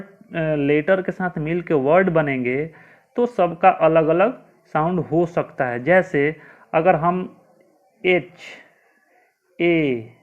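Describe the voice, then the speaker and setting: A man teaching young pupils a spoken grammar lesson, patiently spelling words letter by letter and asking the class questions he then answers himself. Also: fairly high pitch. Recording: tinny phone-like audio.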